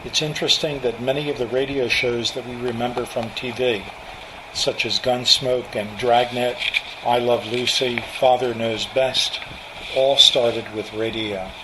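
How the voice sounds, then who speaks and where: With a measured pace and mid-range pitch, a seventy-something American narrator who loves old-time radio reads from a script about his own life. Room noise hums steadily throughout.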